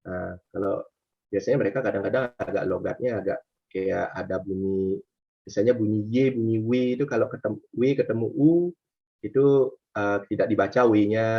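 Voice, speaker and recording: A man, working as a tour guide, answering interview questions casually, with many hesitations and fillers, lively when he acts out his guests. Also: lowish voice, normal speed, breathy edge. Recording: slightly muffled lo-fi recording.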